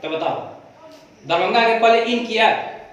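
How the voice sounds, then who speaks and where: A man's voice: high voice, a little slow, a bit bright, lo-fi sound. A man teaching English in a classroom, asking the class and having them repeat words. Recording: echoey room, from far off.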